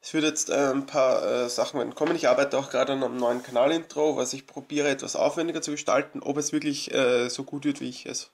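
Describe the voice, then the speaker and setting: A man's voice: mid-range voice, steady tone, quick pace, creaky, few pauses. A man casually commenting on his own gameplay as a let's play host, chatty and rambling with many fillers, eager and grateful toward his viewers.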